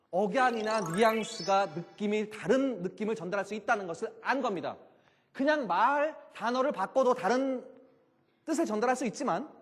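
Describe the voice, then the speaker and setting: A middle-aged man giving a joking, animated lecture on classical music to a live audience, full of rhetorical questions. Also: very high-pitched, breathy edge, big-room sound.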